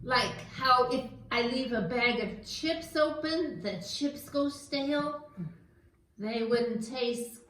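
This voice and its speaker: A woman doing a slow, earnest puppet guy. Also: high voice, fairly bright tone. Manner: earnest, literal-minded, a little sly. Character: naive snack-loving male puppet, slow and earnest. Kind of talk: church puppet skit. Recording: echoey room.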